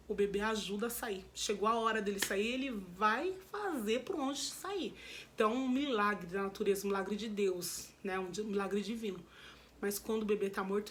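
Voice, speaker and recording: Against slight background noise, a woman with a medium-pitched voice and a Brazilian Portuguese accent tells a personal story in an emotional, candid vlog. She repeats herself and keeps addressing viewers as "gente".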